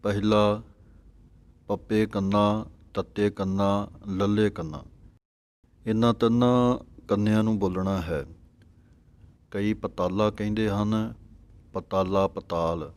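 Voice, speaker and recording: A man teaching correct recitation of scripture, chanting verses slowly and then explaining the pronunciation. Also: on the low side, level tone, darkish tone, clean tone. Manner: slow, measured chanting of verses between explanations.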